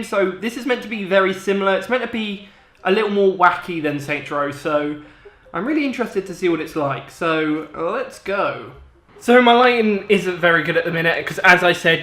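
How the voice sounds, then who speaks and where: A British gaming vlogger in his twenties chats casually, explaining things in a high-pitched, bright and forceful voice. He's recording in a very echoey room at his parents' house, picked up by an on-camera shotgun mic.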